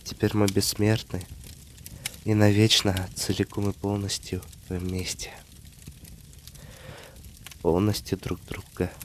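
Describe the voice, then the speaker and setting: A man plays a gentle half-vampire husband in an intimate ASMR role-play. His low voice stays very even and unhurried, with hesitant pauses as he tenderly addresses his beloved. Faint ambience sits behind him. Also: a little hiss or hum. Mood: calm, musing.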